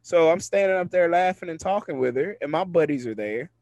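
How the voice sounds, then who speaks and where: Animated man telling a funny story. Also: fairly high pitch, fairly quick, no room sound. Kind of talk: casual storytelling chat.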